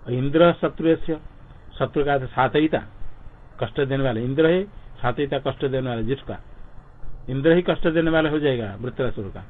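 A man teaching a class in an ashram on Sanskrit grammar and pronunciation. He explains slowly, drills words by repeating them and puts questions to his listeners. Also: mid-range voice. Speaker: swami teaching Sanskrit scripture. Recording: tinny phone-like lo-fi recording.

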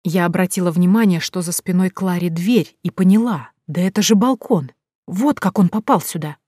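A woman narrating an audiobook chapter in the first person, steady and measured. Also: lowish voice, breathy edge, no room sound, clean studio sound.

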